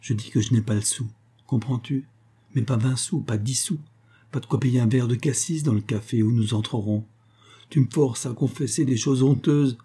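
A man's voice: mid-range voice, moderate pace, dark tone, slightly rough, lightly acted. A man reading aloud and voicing a proud, broke young man who pleads and stammers, then puts on dignity. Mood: ashamed.

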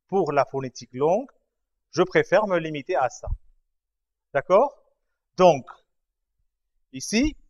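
A man teaching a writing lesson, slowly explaining each stroke, repeating himself and checking that his students follow. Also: fairly high pitch. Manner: patient, repeats and checks understanding. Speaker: language teacher. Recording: dull lo-fi recording.

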